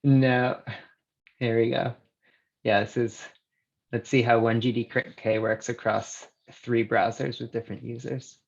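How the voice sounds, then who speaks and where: A man presenting a software demo live on a video call, talking casually and hesitantly with many fillers, captured in a screen recording. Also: medium pitch, level tone, measured pace, gravelly, dull audio. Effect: screen-recorded video call audio.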